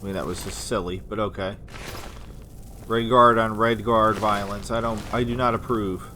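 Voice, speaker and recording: A man's voice: on the low side, fairly even intonation, moderate pace, sharp tone, slight background noise. A man giving casual, wry commentary while playing a video game. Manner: offhand, wry. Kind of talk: casual let's-play commentary.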